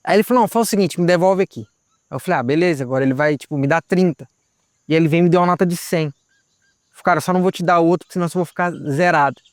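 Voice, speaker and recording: A man's voice: a little high, rapid-fire, no echo, clean studio sound. A young man giving a personal testimony outdoors on a hilltop, retelling events and acting out the dialogue. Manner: retells events with quoted dialogue, says "cara" often. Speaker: testimony guest.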